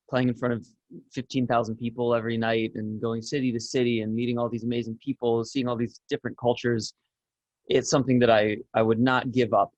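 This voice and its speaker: A man's voice: mid-range voice, dry recording, highs cut off. A man being interviewed as a guest pianist, chatty and stumbling over repeated words. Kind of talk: casual interview.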